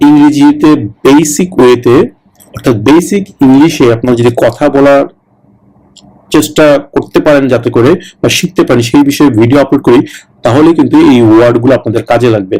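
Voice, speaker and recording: Man tutoring slowly. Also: medium pitch, darkish tone, low-quality recording. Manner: slow, deliberate repetition of English words, then quick explanations. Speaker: citizenship test tutor. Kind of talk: bilingual lesson, explaining English test words in Bengali.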